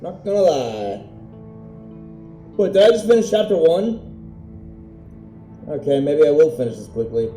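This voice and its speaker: A man thinking aloud while streaming a game live, musing and hesitant. His voice is a bit high but mellow, and the room adds a noticeable echo. Faint music plays underneath. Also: very animated, measured pace, long pauses. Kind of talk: live gameplay commentary.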